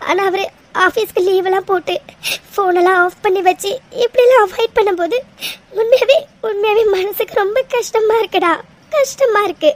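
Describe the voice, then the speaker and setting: A very high, squeaky voice belongs to a heartbroken young cartoon woman, tearful and full of self-blame, as a woman acts her out. She talks through sobs the whole time, her words wet with crying. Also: a little fast. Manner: tearful, self-blaming, sobbing. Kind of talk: cartoon voice acting.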